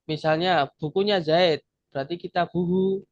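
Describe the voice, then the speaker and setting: A man leads a grammar lesson over a video call, his voice sitting a little high. He explains patiently and repeats each word to drill it in. The sound is dry and a bit dull, like a laptop mic. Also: fairly even intonation, moderate pace, no room sound. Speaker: Arabic grammar teacher. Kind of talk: online class lesson.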